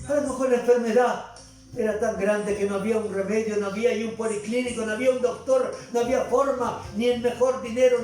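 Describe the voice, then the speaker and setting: A woman's voice: a little high, warm tone. A woman preacher delivering a sermon, repetitive and full of exclamations. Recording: very echoey hall, far from the mic, music behind.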